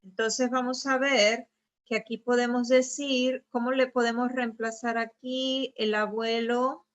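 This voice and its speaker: A woman's voice: fairly high pitch, level tone, a little slow, dull audio. A woman teaching a grammar lesson over slides. She explains patiently and keeps checking with her students. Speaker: Spanish teacher.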